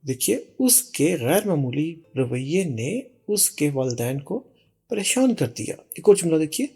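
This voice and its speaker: A teacher giving a bilingual vocabulary lesson, reading English example sentences slowly, then translating and repeating them. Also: mid-range voice, very animated, warm tone, breathy edge, soft background music.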